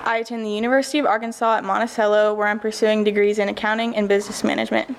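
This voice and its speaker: A twenty-year-old woman from Oklahoma introducing herself at a podium, with a slow, careful Cherokee greeting before speeding up. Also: mid-range voice, level tone, gravelly, slight background noise.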